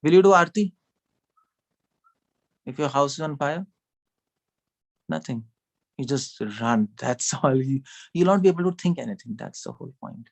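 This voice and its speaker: A man's voice: a little high, expressive, moderate pace, creaky, long pauses. A man giving a sermon to a small gathering, talking in a conversational way, asking the audience questions and laughing often. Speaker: speaker at a devotional gathering.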